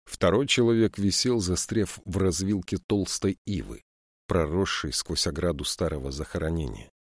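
A man narrating an audiobook in a measured storytelling manner. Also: deep voice, no room sound, clean studio sound. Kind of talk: scripted narration.

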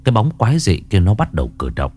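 Lively low-voiced man narrating horror. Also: quick pace, breathy edge. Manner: dramatic, ominous storytelling.

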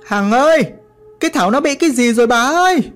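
Narrator doing a panicky village dad, yells high and strained, lively swings in pitch. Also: male voice, moderate pace, soft background music. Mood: panicked. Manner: shouting in alarm. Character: frantic rural father, scolding and worried.

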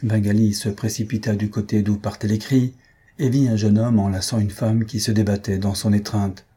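A man narrating a classic story in a steady audiobook reading. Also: fairly low pitch, moderate pace, slightly rough.

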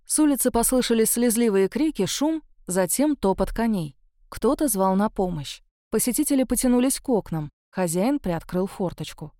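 A woman narrating a first-person novel in a steady, expressive audiobook reading. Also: a little high, moderate pace, dry recording, clean studio sound.

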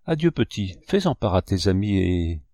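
Man voicing a gentle painter uncle, fatherly, low voice, dry storybook reading. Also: big pitch swings, moderate pace, no echo, exaggerated voice. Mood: kindly. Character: kindly grave male painter, an uncle.

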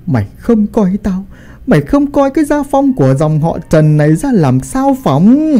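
A man voicing a strict, furious old grandfather who shouts and scolds his son. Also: mid-range voice, fast talker, natural voice. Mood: enraged.

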